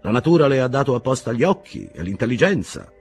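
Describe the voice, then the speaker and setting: A man's voice: mid-range voice, sing-song, fast talker, faint music behind, voice pushed up. A man voicing an eloquent, sarcastic Italian humanist who speaks in a declamatory, mocking way. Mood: mocking grandiloquence.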